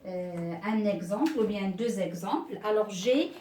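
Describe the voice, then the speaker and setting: A woman teaching a beginner French lesson, speaking slowly and patiently, repeating each word and checking that pupils follow. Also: medium pitch, warm tone, reverberant, slight background noise. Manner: slow, patient, repeats words and checks with "d'accord?".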